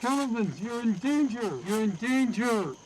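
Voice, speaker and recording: Brief: tube-distorted robot voice, very high and stilted. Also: male voice, moderate pace, a little mellow, a little hiss or hum. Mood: urgent, robotic. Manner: stilted, mechanical warning tone. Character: man faking a robotic female-ish synthetic voice. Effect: voice through a tube.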